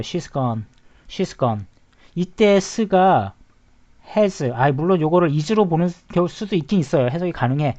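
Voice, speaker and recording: A man's voice: a little high, darkish tone. A man teaching an English grammar lesson, explaining step by step, answering his own questions and often checking that the listener follows. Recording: dull lo-fi sound.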